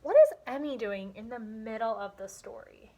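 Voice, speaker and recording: Reading aloud to young children, a woman kindergarten teacher explains the story and pauses after her questions to let them answer. Her voice is on the high side, animated yet mellow.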